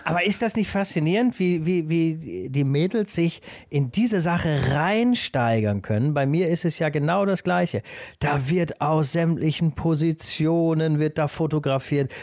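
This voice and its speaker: A man's voice: a little high, expressive, a little slow, darkish tone, no room sound. Musing man on a dry podcast mic. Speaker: podcast co-host. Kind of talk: casual chat.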